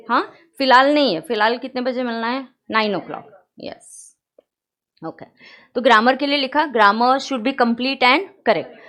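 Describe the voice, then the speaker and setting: High-voiced Indian woman teaching class. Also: fairly bright tone. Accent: Indian English. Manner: dictating notes slowly, addressing students directly. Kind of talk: classroom lecture mixing Hindi and English. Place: classroom with students.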